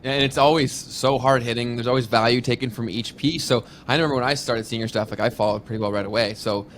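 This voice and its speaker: A man's voice: mid-range voice, steady tone, fast talker, a bit bright. Male interview host, upbeat, encouraging, slight background noise. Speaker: podcast host. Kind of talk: casual interview.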